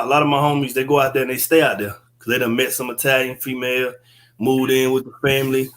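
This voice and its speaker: A man's voice: medium pitch, fairly bright tone. A man, a guest comedian talking in a laid-back, slangy way over a webcam video call from an indoor room. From Texas. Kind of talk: casual interview chat.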